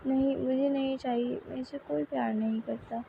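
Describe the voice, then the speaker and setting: A woman's voice: high voice, steady tone, normal speed, vocal fry, narrow, tinny audio, a little hiss or hum. A woman voicing a lonely, stubborn young woman who sulks and pleads tearfully, in a narrated story. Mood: tearful sulking.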